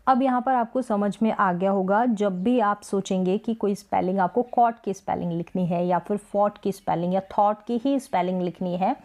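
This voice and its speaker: A woman teaching English spelling rules, patiently repeating example words slowly for practice. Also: medium pitch, a little mellow. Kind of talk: Hindi-language spelling lesson.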